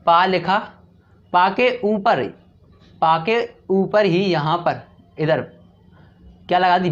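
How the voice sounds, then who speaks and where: A man teaching Hindi spelling, repeating each word slowly and asking and answering his own questions. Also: on the high side. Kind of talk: slow classroom explanation. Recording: dull lo-fi recording.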